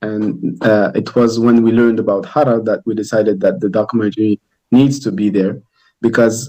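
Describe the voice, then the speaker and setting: A man from Tunisia, a documentary filmmaker, answering interview questions in a thoughtful, hesitant way with many pauses and fillers. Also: on the low side, steady tone, mellow, poor audio.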